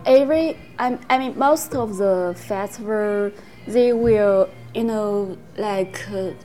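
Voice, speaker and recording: A young woman from China, a native Hmong speaker with a Hmong accent, tells stories casually in halting English, searching for words. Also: mid-range voice, dark tone. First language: Hmong (Miao). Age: young adult. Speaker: interviewee. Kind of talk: casual storytelling in conversation.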